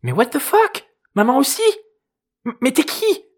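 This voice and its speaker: A man's voice: fairly high pitch, voice pushed up, lightly acted. A man reading an audiobook voices a foul-mouthed fifteen-year-old girl with cheeky, slangy talk. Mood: panicked, indignant. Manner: slangy, cheeky, quick to swear. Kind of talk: audiobook character voice.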